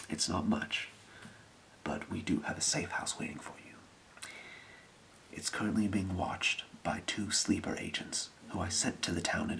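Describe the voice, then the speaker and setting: A man acts out a scheming thieves' guild boss in a whispered role-play. His voice is very low and heavily creaky, hushed to a breathy whisper. He speaks in a measured, deliberate, secretive way, close to the microphone. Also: exaggerated voice, rough recording.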